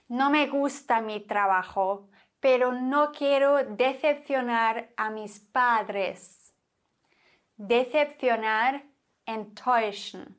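A young woman teaching Spanish vocabulary in a slow, deliberate way, repeating each word and giving its meaning. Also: a little high. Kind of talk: slow, clearly spoken vocabulary lesson.

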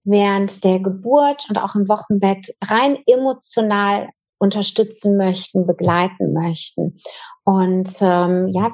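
A woman's voice: medium pitch, darkish tone. A woman guest in an interview, talking casually and thoughtfully about her work as a trainer, with frequent fillers and restarts. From Germany.

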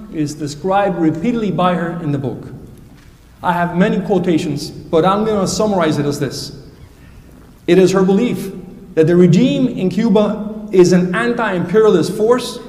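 A man giving formal, pointed remarks as a speaker in a debate, measured and academic in tone. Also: high-pitched, darkish tone. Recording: echoey hall, distant mic.

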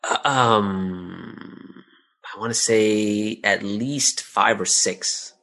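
A business owner who creates audio dramas answers interview questions in a lowish, very slow voice with vocal fry and a sharp tone. Speaking casually, he thinks aloud and repeats phrases while explaining.

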